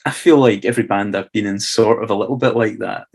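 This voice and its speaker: Low-voiced Scottish man, easygoing chat. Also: fast, creaky, breathy edge. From Scotland. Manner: easygoing, hedging with "sort of" and "kind of". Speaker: podcast co-host. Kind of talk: casual chat.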